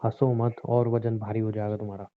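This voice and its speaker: A man's voice: on the low side, little pitch movement, a little fast, no room sound. A young man in a scripted comedic skit, playing an exasperated husband who grumbles and teases. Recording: tinny phone-call audio.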